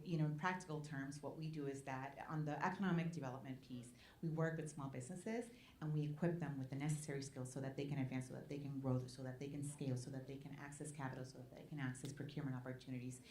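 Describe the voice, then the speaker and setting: In an echoey event hall with faint background noise, a low-pitched, mellow-voiced Spanish woman from Puerto Rico gives a public talk. She's a nonprofit president on a community forum panel, earnest throughout and frequently asking the audience "right?".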